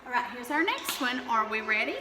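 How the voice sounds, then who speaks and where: A woman's voice: a little high, big pitch swings, a little fast, background noise. A woman kindergarten teacher teaching young children to count, speaking to them directly and encouragingly. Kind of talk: children's counting lesson, addressing pupils directly. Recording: echoey, reverberant room.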